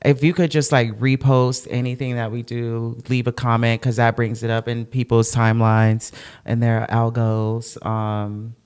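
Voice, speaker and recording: A man's voice: mid-range voice, clear, resonant tone. Chatty young man co-hosting a podcast. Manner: chatty, animated, quick to laugh. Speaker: podcast co-host. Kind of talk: casual podcast chat.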